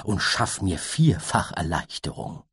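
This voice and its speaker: A man voicing a flighty male butterfly minstrel in a storybook reading, high, playful and sing-song. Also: big pitch swings, measured pace, slightly rough, exaggerated voice. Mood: giddy.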